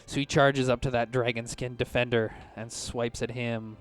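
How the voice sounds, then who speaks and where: A man acting as game master, improvising narration of tabletop combat in a halting but descriptive way. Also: medium pitch, level tone, faint music behind.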